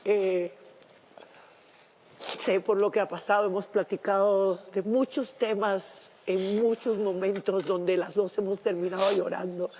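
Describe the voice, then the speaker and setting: A woman from Cuba, a reality show contestant speaking emotionally by a campfire, halting and repeating words, near tears. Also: mid-range voice, fairly even intonation, darkish tone, a little hiss or hum. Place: outdoors at a campfire at night.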